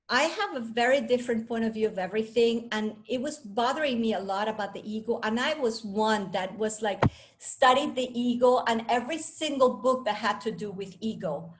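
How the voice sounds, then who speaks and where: A self-assured woman in her fifties, from Venezuela, speaks to a live audience as a coach. She is enthusiastic and chatty, often restarting her sentences. Her voice sits a little high. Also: normal speed.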